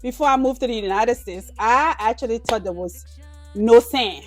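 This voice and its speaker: A woman in her thirties, originally from Liberia, answers interview questions about her work in a relaxed, chatty way. She sprinkles in plenty of "you know" fillers as she talks. Faint music plays underneath. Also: fairly high pitch, normal speed, dry recording. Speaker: business owner interviewee. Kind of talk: casual interview.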